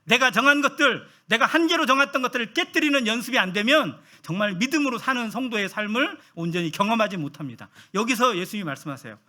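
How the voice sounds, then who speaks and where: A man's voice: extremely high pitch, lively intonation, fast talker, hardly any pauses, bright, forceful tone. A man preaching a sermon, asking the congregation questions and acting out the voices of the people he quotes.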